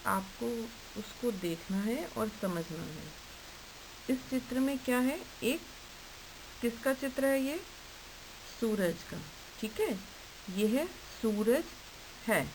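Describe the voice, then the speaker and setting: A woman's voice: a little high, a little mellow, poor audio. A woman teaching an online lesson to young children, asking simple questions and answering them herself in a patient way. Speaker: primary school teacher. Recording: faint hiss.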